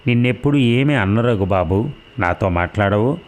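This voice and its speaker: A man voicing a shy young village girl in a storybook reading, using a soft, raised childlike voice. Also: fairly low pitch, expressive, normal speed, lightly acted. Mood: bashful.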